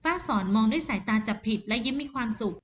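A woman narrating a first-person romance audio novel in an even storytelling voice. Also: fairly high pitch, fast talker, slight background noise.

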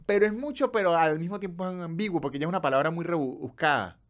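A Venezuelan man chatting casually on a podcast, his voice sitting a bit high for a man. He talks with animation, stumbles and repeats syllables now and then, and acts out quoted lines as he goes. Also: fast. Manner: animated, stammers, quotes others in dialogue. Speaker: podcast co-host. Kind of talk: casual chat.

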